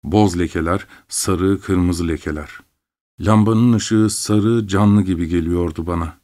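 A man narrating a story in the first person with a measured, dramatic reading. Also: low-pitched, darkish tone. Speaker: audiobook reader.

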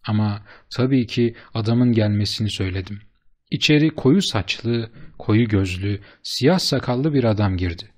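A man narrating a story in the first person, in a steady, measured reading voice. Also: on the low side. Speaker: audiobook narrator.

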